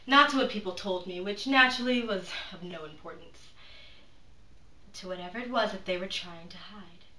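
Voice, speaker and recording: An actress performs a proud, calculating noblewoman in a dramatic monologue. Her voice is bright and forceful, and she weighs each phrase with pauses and sudden hushed drops. The recording is echoey and set back from the microphone. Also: mid-range voice, natural voice. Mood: proud, controlled. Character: proud, calculating aristocratic woman, cunning and defiant. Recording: roomy echo, distant microphone.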